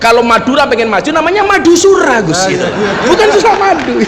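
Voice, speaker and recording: A man's voice: extremely high pitch, big pitch swings, quick pace, a loud crowd, very noisy, voice pushed up, exaggerated voice. A man voicing a stubborn male minibus driver from the island, arguing insistently in a joke told during a sermon. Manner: insistent, argumentative.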